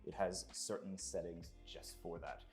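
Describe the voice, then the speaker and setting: A man's voice: low voice, fairly even intonation, a little slow, soft background music. A man presenting a property tour in a casual, explanatory way, with chatty asides as he goes.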